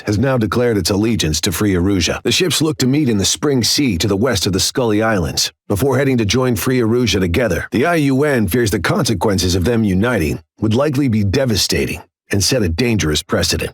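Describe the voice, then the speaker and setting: A male actor voices a stern, composed air force commander delivering a formal, measured mission briefing for a video game, with authority in every line. His voice is on the low side and husky, captured in a dry, studio-quality recording.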